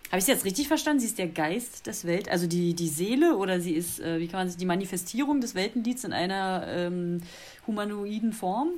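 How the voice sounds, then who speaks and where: A woman's voice: mid-range voice, expressive, brisk, darkish tone. A woman player in a casual tabletop game, talking emotionally and hesitantly with many fillers. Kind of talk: casual tabletop role-play.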